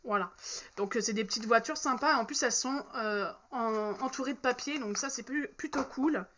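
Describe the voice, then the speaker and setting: A woman in her thirties chats casually as a vlogger showing off her shopping haul. Her voice is fairly high and fairly bright at a normal speed, and she sounds hesitant, with lots of fillers and self-corrections. The recording is slightly dull with faint background noise.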